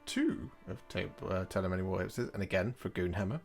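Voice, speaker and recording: A man hosting a casual hobby chat, talking through his own work in a relaxed, joking way. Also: low-pitched, brisk, vocal fry, faint music behind.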